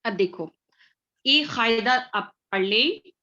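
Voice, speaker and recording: A woman with a bright, clear, fairly high voice teaches a recitation lesson over a muffled, lo-fi line. She talks patiently and repeats key words slowly. She stops often to check that the class is following. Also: animated. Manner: spells out letters one by one.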